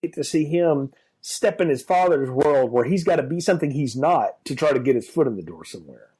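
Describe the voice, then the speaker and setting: A man co-hosting a film podcast, chatting casually and expressively with quick asides. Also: a little high, expressive, dark tone, breathy edge. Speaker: podcast co-host. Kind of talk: casual film review chat.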